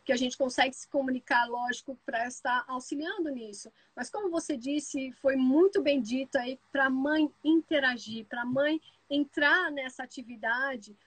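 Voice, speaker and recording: A woman with a Brazilian Portuguese accent hosting a live stream, telling stories fast and full of asides. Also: high-pitched, breathy edge, no echo, rough recording. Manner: lively storyteller, talks fast with many asides. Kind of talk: casual live chat.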